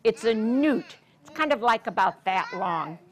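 In a carpeted library program room, an American woman in her sixties reads a picture book aloud to young children, using a teacherly, sing-song delivery and often prompting them with questions. Her voice is fairly high, animated and unhurried.

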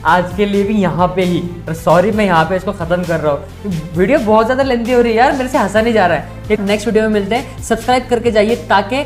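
A man's voice: high voice, fast, few pauses, faint music behind. A man hosting a reaction video, talking casually and chattily.

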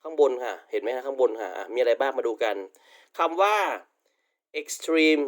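A man's voice: mid-range voice, animated, normal speed. A male university English teacher giving a recorded online vocabulary lecture, affectionately calling students "child" and repeating polite tag particles.

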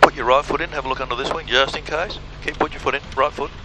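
A man's voice: medium pitch, fairly even intonation, very fast. A man giving direct, hands-on flight instruction in short explanatory phrases over a cockpit headset. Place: small aircraft cockpit. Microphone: aviation headset. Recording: aircraft headset intercom, faint engine noise.

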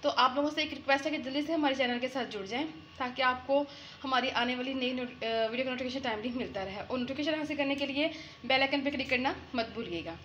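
A woman's voice: high-pitched, fast, fairly bright tone, lo-fi sound, a little hiss or hum. A woman from Punjab, hosting a cooking show and chatting eagerly to viewers while prompting her mother. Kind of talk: casual cooking-show presenting.

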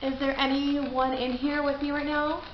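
Woman, middle-aged, fairly high voice, casual vlog talk, echoey small garage, faint noise. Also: level tone, normal speed. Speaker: video host. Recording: dull roomy garage sound with noise.

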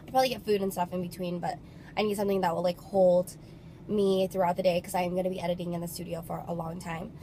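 A woman's voice: lowish voice, little pitch movement, quick pace, warm tone, slight background noise. A young woman vlogging in a casual, chatty way, filling her talk with "like", her voice a little nasal from a cold. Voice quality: slightly nasal from congestion. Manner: bubbly, chatty, lots of filler "like". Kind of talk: casual vlog chat.

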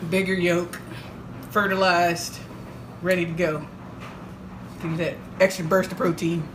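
A middle-aged homesteading vlogger chats to the camera in her home kitchen, playful and rambling, laughing often. Her voice is on the low side, level in tone, a little slow and a bit bright. The camera sits a few feet away, and the kitchen sounds echoey with clear noise.

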